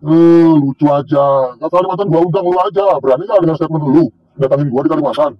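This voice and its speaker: A man's voice: fairly high pitch, fast talker, dull audio. A middle-aged man vlogging outdoors by a tree, recording himself and talking in a mocking, scornful way. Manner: mocking, scornful, taunting with laughs. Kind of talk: casual rant to camera. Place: outdoors by a tree near a corn field. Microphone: self-recorded on a handheld camera or phone.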